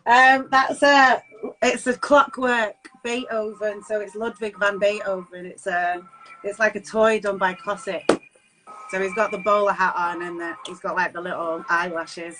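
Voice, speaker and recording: A woman's voice: medium pitch, fairly even intonation, unhurried, bright, forceful tone, rough recording. A woman from Manchester, a guest vocalist in a casual live-stream chat, giggly and easygoing, heard over a video call. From Manchester, England.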